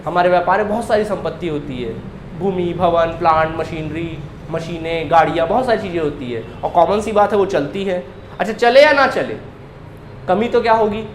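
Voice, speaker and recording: A man's voice: high-pitched, moderate pace, reverberant, slight background noise. A male accountancy teacher giving a classroom lecture, firing questions at students and answering them himself, repeating key terms.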